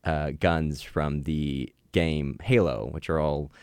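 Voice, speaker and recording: A young man with a deep, low voice talks through a casual co-hosted chat. He rambles, often restarting and filling pauses, and the sound is close and dry with no room echo. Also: steady tone, smooth. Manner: rambling, many fillers and restarts. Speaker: podcast co-host.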